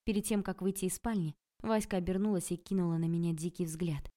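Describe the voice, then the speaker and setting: A woman narrating a novel in the first person, expressive and ironic. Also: on the low side, quick pace. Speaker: audiobook narrator.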